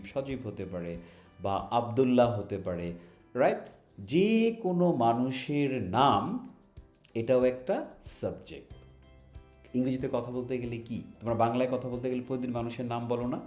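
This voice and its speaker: A man's voice: medium pitch, moderate pace, darkish tone, echoey room, soft background music. A Bangladeshi man teaching children English in an online lesson, patient, asking questions and having them repeat words.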